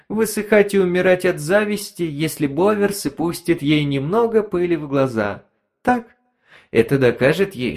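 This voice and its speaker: A man's voice: high-pitched, gravelly, darkish tone, pitched above the performer's own voice, exaggerated voice. A man voicing a sly, insinuating talking device that whispers neighbourhood gossip in a story reading. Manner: insinuating, snickering.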